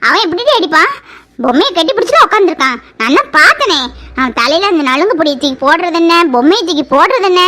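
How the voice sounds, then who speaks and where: Cartoon voice work: a woman voicing a high, bright, emotional family drama. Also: big pitch swings, quick pace. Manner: emotional, lamenting, switching between figures. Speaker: narrator voicing all family figures.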